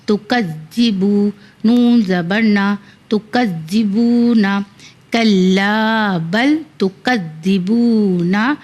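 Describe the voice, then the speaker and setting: A woman with a Pakistani Urdu accent teaching Quran reading, spelling each syllable and then blending the words slowly. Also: mid-range voice. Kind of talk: slow letter-by-letter Quran recitation lesson.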